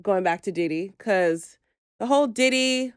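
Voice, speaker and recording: A woman hosting a podcast, chatting casually in a slangy, animated way with quick asides. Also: mid-range voice, smooth, no echo, clean studio sound. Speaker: podcast host. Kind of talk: casual gossip chat. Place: lives in New York.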